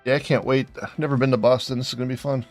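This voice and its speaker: A man's voice: mid-range voice, fairly even intonation, rapid-fire, soft background music. A man in casual chat who jokes, swears and laughs a lot. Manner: joking, laughs often, swears. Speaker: co-host.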